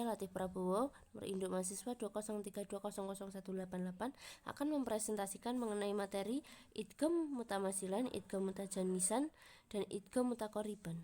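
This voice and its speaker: Young woman from Indonesia reading a class presentation. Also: medium pitch. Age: young adult. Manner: steady, explanatory reading, slowing to recite Arabic examples. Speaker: university student presenter.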